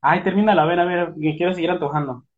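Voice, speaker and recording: A podcast co-host, throwing in short excited reactions while the other host reads. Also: mid-range voice, fast talker. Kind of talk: casual chat, reacting to a story. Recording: dull lo-fi recording.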